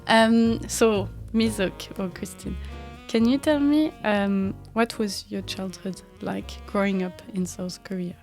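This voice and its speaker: A woman hosts a conversational podcast, asking her guest polite, gentle questions. Her voice is mid-pitched and even, with soft guitar music faintly playing underneath. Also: unhurried. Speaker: podcast host. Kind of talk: podcast interview.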